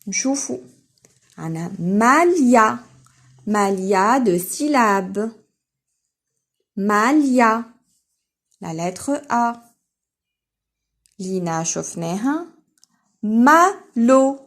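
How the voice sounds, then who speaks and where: A woman with a Tunisian accent teaches a French lesson to young children. Her voice has a gravelly edge and sits at an ordinary middle pitch. She calls out single words slowly and loudly, then hurries through her explanations. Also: lively intonation. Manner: switches between slow, emphatic French words and quick Arabic explanations; spells out syllables slowly and loudly. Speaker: primary school teacher.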